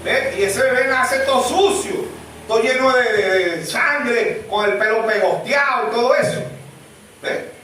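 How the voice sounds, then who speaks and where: A pastor delivers a lively sermon, pitching his questions to the congregation. His voice sits high and bright. The sound booms around an echoey church, picked up from a distance. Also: a little slow, slight background noise. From Venezuela. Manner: animated, full of rhetorical questions, acts out baby cries. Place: church sanctuary. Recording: echoey church room, mic far off.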